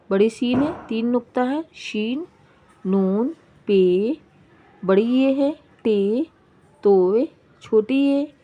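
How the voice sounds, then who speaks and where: A woman's voice: a little high, warm tone. A woman teacher giving a patient classroom lesson, reading letters out one by one and explaining each step.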